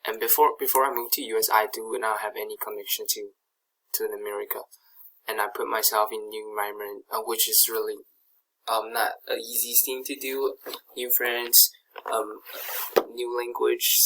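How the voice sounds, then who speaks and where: Speaking at a normal pace with little pitch movement, a young man from Taiwan walks through a slide presentation, stumbling over fillers and restarts. He is a native Chinese speaker with a Taiwanese accent and a voice on the low side with a sharp tone, captured in a rough recording.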